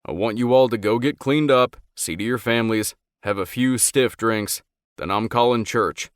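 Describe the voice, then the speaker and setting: A man voicing a gruff, commanding male biker club president in an audiobook, barking blunt orders. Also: medium pitch, moderate pace, no room sound, clean studio sound, lightly acted. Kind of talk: audiobook character voice.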